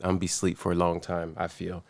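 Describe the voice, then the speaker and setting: A man of thirty-seven co-hosting a podcast, talking in a relaxed, casual way with slang and supportive back-and-forth. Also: sits low, quick pace, gravelly. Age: 30s. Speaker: podcast co-host. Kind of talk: casual chat.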